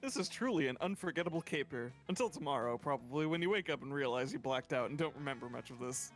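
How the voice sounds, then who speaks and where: A man's voice: mid-range voice, expressive, fast, soft background music. A man reading scripted game narration aloud on a charity stream.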